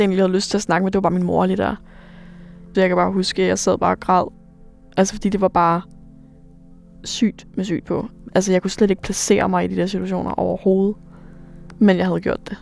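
A woman in her twenties, a bar worker, telling her own story for radio in a halting way, with many fillers and vivid recollection. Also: mid-range voice, vocal fry, a little mellow. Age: 20s. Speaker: bar worker recounting rescues.

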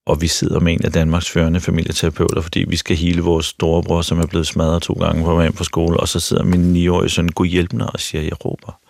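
A man's voice: deep voice, monotone, gravelly, few pauses, darkish tone. A middle-aged actor and talk show host tells a personal story frankly and openly, often stopping to restart his sentences. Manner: frank, self-revealing, with repeated restarts.

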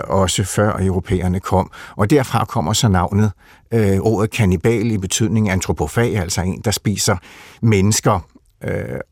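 A man with a lowish voice talks through a literary subject, thinking as he goes. He hesitates often, with fillers and restarts. The sound is dry and close. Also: a little mellow, no room sound. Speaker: literature expert guest. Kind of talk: conversational explanation.

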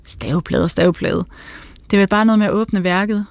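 A woman's voice: mid-range voice, creaky, darkish tone, no echo, close to an everyday voice. A woman reading as a dry, teasing man.

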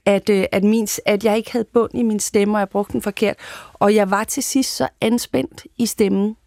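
A woman's voice: medium pitch, steady tone, a little mellow, no echo. A woman actress talking reflectively in a casual studio conversation, hesitant with many fillers. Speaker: actress and guest.

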